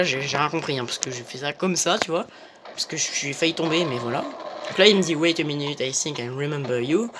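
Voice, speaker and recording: Playing a video game with its music in the background, a young man on a gaming YouTube channel commentates casually, hesitating and using plenty of fillers. He has a slightly high voice, and there's background noise.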